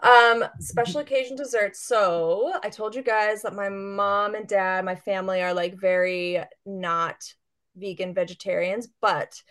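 A woman's voice: medium pitch, fairly even intonation, measured pace, a bit bright, clean tone. A woman chef as a guest, chatting casually and enthusiastically, filling her talk with "like". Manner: chatty, fillers of "like" throughout; enthusiastic, gushing. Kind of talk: casual interview chat.

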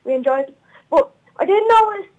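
A woman's voice: extremely high pitch, lively intonation, fairly quick, dull audio. A woman calling in to a radio show, chatting and giggling as she tells a story. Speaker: caller guest. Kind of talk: casual chat.

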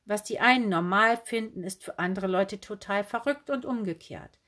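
A woman's voice: medium pitch, normal speed, bright, forceful tone, lightly acted. A woman voicing a cheerful, quirky young female bookseller in a kimono, bubbly and breezy. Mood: chirpy. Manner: bubbly, breezy, oddly matter-of-fact.

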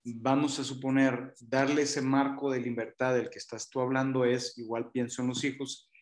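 A man's voice: mid-range voice, level tone, moderate pace. A man hosting an interview, asking questions and agreeing briefly. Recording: echoey room sound.

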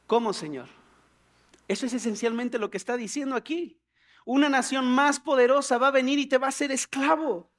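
Animated pastor preaching. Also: male voice, brisk. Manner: animated, acts out prayers in a higher pleading voice, humorous asides. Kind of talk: sermon.

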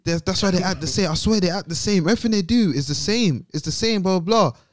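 A man's voice: sits high, quick pace. A young man with an urban London roadman accent, hosting casual group banter in a slangy, exasperated ranting manner. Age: young adult. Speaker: podcast host.

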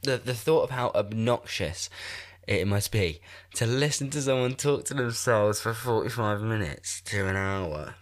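Same setup: a twentysomething podcast host, stuffed up, at a desk mic in a shared-house room, rambling alone with self-mockery and swearing. This time his lowish voice is expressive and unhurried.

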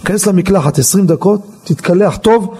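A rabbi telling a personal story in a Torah class, acting out the lines of the people in it. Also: male voice, high-pitched, crowd noise. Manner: animated storyteller, acts out other people's lines. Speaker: rabbi giving a lesson. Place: study hall.

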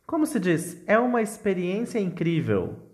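An English teacher with a Brazilian Portuguese accent speaks in a mid-range, sing-song voice at normal speed. She or he gives a call-and-repeat lesson built on careful model phrases and questioning prompts.

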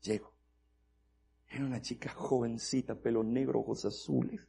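A male pastor preaching a sermon, mixing Spanish and English, moving from quiet storytelling to loud, fervent preaching. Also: mid-range voice, steady tone, moderate pace, creaky, slight background noise. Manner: switches between Spanish and English.

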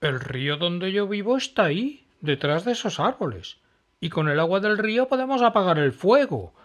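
A man's voice: medium pitch, sing-song, moderate pace, breathy edge. A man voicing a kind, helpful crocodile with a huge mouth. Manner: helpful, eager.

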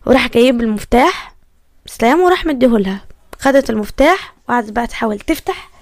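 A woman's voice: on the high side, lively intonation, quick pace, dry recording, studio quality. A woman with an Egyptian accent casually narrating a horror story. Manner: casual, conversational.

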